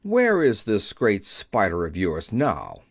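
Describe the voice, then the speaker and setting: A brave lion voiced by a man reading aloud speaks like a king from a storybook. He is assured and commanding, with animated intonation and a close, dry sound. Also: lowish voice, slow, gravelly, dry recording, pitched below the performer's own voice, heavily acted. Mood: commanding, proud. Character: proud, brave male lion, king of beasts.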